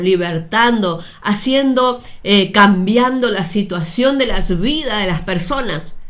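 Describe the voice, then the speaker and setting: A woman preaching a sermon, speaking deliberately with repeated phrases and addressing her listeners directly. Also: mid-range voice, a bit bright.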